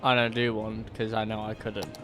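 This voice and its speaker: A man's voice: fairly low pitch, level tone, normal speed, a bit bright, soft background music. A young man co-hosting a gaming podcast, telling stories dryly with some swearing. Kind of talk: casual chat over gameplay.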